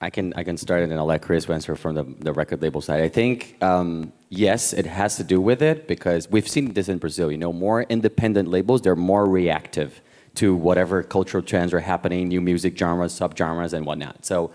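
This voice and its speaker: Deep-voiced man on a conference panel. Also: brisk, a little mellow, big-room sound.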